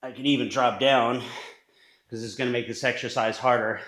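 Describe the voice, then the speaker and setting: A man's voice: medium pitch, steady tone, moderate pace, fairly bright tone. A man giving casual workout instruction in his home gym, now and then short of breath, sometimes moving away from the camera mic. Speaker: fitness coach. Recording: echoey home gym room.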